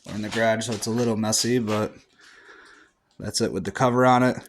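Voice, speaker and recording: A man giving a casual, halting product review in his home garage. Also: lowish voice, fairly even intonation, slight background noise. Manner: plain, halting with fillers.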